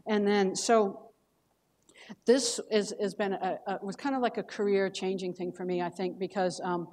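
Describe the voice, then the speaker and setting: A woman's voice: medium pitch, fairly even intonation, normal speed, a little mellow. A woman giving a scientific lecture as a cancer researcher, explaining in a conversational way and checking in with her audience. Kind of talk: academic lecture.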